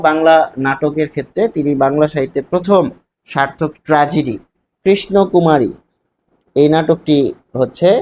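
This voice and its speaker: A man's voice: a little high, a little mellow. A man teaching a literature lesson in Bangladeshi Bengali, explaining step by step and asking rhetorical questions. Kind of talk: classroom lecture. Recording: dull lo-fi sound with faint hiss.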